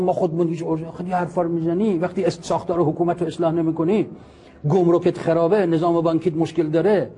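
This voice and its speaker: A man preaching a sermon with impassioned, argumentative rhetoric, reciting Arabic quotations slowly and then translating them. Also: on the high side, mellow.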